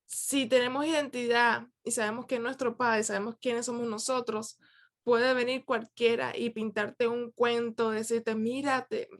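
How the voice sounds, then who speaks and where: A woman leading a youth Bible class on a video call, talking in a relaxed way with many pauses and restarts. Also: on the high side. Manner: conversational, with many fillers and restarts. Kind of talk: casual reflective teaching.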